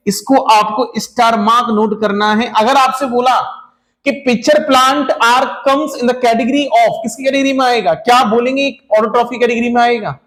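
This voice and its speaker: A male teacher lecturing to a class. He keeps asking the class rhetorical questions, repeats key points, calls his students children, and mixes English terms into his speech. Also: extremely high pitch.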